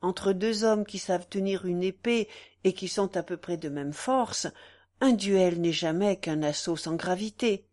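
A woman voicing a young nobleman who speaks gently and soothingly, in a slow audiobook reading. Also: on the low side, natural voice. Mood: gentle. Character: young nobleman, gentle and composed before a duel.

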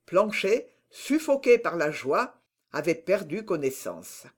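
An audiobook narrator reading a classic adventure novel with slow, expressive storytelling. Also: mid-range voice, slightly rough.

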